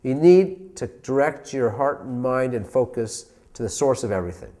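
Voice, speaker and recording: Rabbi guy giving a talk, voice bounces all over, medium pitch, tells stories. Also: lively intonation, normal speed, mellow. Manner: storytelling, emphatic rhetorical questions. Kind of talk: inspirational talk.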